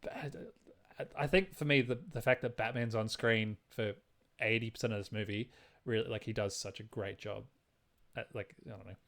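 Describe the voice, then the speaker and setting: A man's voice: fairly low pitch, fairly even intonation, normal speed, a bit bright. A man co-hosting a podcast, chatting casually about a film, stumbling and restarting often and humming tunes aloud. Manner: hesitant, many restarts, hums tunes aloud. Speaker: podcast co-host.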